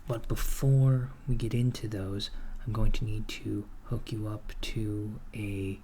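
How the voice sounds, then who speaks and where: In an ASMR job-interview roleplay, a man plays a calm, deadpan, mildly awkward recruiter of henchmen for a villain, speaking softly and hesitantly, often close to a whisper, with reassuring office politeness. His pitch is fairly low and his pace slow, his mood matter-of-fact and reassuring. Keyboard typing sounds in the background, along with a slight hiss or hum.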